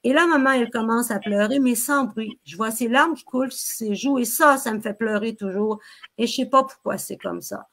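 A woman with a Québécois accent reads her own novel aloud during a live stream, in a fairly high voice. She tells it in a child's first-person voice and breaks into sudden, loud, pleading cries. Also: moderate pace. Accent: Québécois French. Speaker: author reading own novel.

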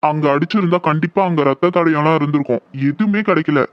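A man's voice: a little high, fast talker, no echo, natural voice. A man playing a troubled police officer. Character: worried male assistant police commissioner. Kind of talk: horror audio drama. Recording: dull lo-fi, dry.

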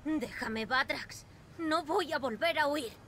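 Headstrong young sci-fi game heroine: high voice, dramatic, defiant. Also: female voice, slow pace, pushed and bright, slight background noise, exaggerated voice. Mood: resolute. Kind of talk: video game voice acting.

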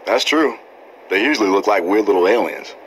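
A man's voice: fairly low pitch, animated, brisk, a little hiss or hum, close to an everyday voice, poor audio. A man playing a laid-back adult survivor in a video game, with a casual, dry delivery. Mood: dry, friendly. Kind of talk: naturalistic video game acting. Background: background music.

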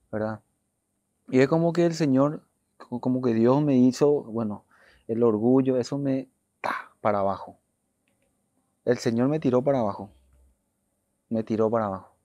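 A man, a former footballer telling his story as an interview guest; he talks earnestly, repeats his phrases and often drops to a soft low voice. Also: dry recording. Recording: dull dry studio sound.

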